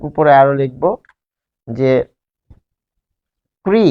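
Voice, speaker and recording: A man teaching a grammar lesson at a board, spelling words out slowly and answering his own questions. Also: fairly high pitch. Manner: asks questions and answers them himself. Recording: dull lo-fi sound.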